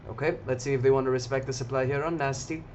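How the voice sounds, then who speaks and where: A man's voice: medium pitch, fairly even intonation, fast talker, a little mellow, slight background noise. A man hosting a live stream and commenting on markets in a casual, chatty way, talking straight to his viewers. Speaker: trading stream host. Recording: slightly dull lo-fi audio.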